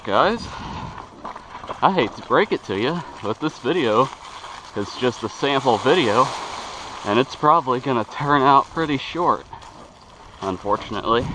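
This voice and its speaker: A man's voice: medium pitch, sharp tone, slight background noise, rough recording. A young man talking casually to the camera as he rides a bike outdoors, rambling and stumbling over his words, recorded on a handlebar camera. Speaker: vlogger. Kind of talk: casual vlog talk while riding. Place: outdoors riding a bike through a wooded yard. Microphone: handlebar-mounted action camera.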